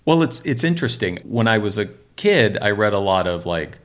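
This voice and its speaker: A middle-aged American man with a very low voice tells stories easily, laughing often and leaning on fillers. He speaks as a relaxed interview guest. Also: moderate pace. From Maryland, USA. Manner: chatty, laughing, many fillers. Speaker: screenwriter guest. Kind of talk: casual interview chat.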